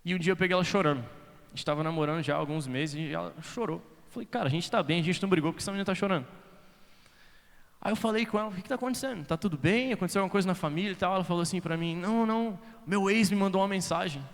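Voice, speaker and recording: High-voiced Brazilian preacher in a hall. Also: male voice, rapid-fire. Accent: Brazilian Portuguese. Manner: builds from quiet storytelling to shouted appeals; mixes English phrases into his preaching. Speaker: youth pastor. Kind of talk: conference sermon. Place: large conference hall. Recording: reverberant hall.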